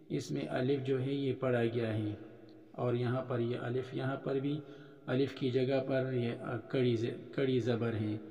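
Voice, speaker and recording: This man teaches an Arabic lesson in a mellow, medium-pitched voice, patiently going through each point and drawing out the example words. It's a recorded religious-school lesson with lo-fi sound and the echo of a roomy hall.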